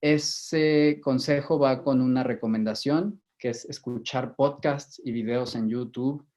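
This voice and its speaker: A man with a Mexican Spanish accent giving a measured lecture to a live audience, often repeating words while he thinks. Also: mid-range voice, darkish tone. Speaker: guest lecturer. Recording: dull lo-fi recording.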